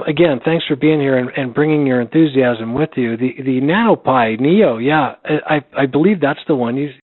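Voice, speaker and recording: A man acting as net control on a ham radio net, talking in a friendly, halting way with many fillers. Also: medium pitch. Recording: dry tinny radio audio.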